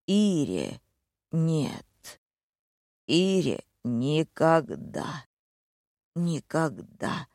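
A woman voicing a badly injured young woman who gasps out broken words in a faint, hoarse whisper. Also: a bass voice, darkish tone, no room sound, clean studio sound, full character voice. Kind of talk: audiobook character voice.

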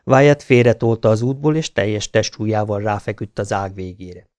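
A man reading an audiobook aloud with an even, dramatic storytelling manner. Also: lowish voice, dry recording, studio quality. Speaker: audiobook narrator. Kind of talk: scripted audiobook narration.

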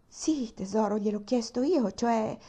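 A woman's voice: a little high, a little slow, dark tone, husky. A woman voicing a proud older aunt who speaks anxiously and then tenderly. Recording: dull lo-fi recording.

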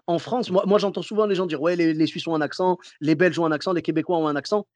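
A man's voice: fairly high pitch, fairly even intonation, fast talker, darkish tone. A man hosting a podcast, a comedian chatting casually and joking with his guest.

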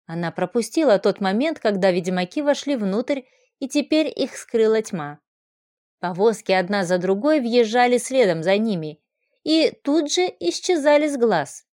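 A woman narrating a fantasy audiobook in an even, expressive reading. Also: mid-range voice, dry recording, clean studio sound.

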